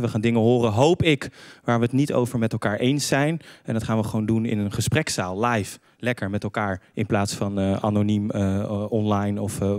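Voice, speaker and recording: A man's voice: mid-range voice, darkish tone, no room sound. Man, political reporter, co-host, informal welcome, fillers, dry close sound. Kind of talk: welcoming a live audience. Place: debate hall on stage.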